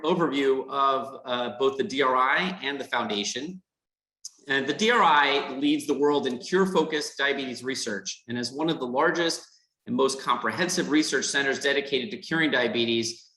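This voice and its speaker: A man with a sharp, mid-range voice hosts a foundation event over a video call, reading a scripted introduction with fillers and repeated words. The low-quality recording has a roomy sound; he also serves as the interviewer.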